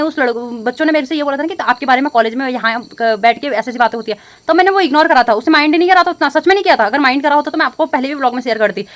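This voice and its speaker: A young woman vlogger talking to her phone camera in a casual, upset way, rambling with many fillers and restarts. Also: sits high. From India. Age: young adult. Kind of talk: casual emotional vlog talk to camera.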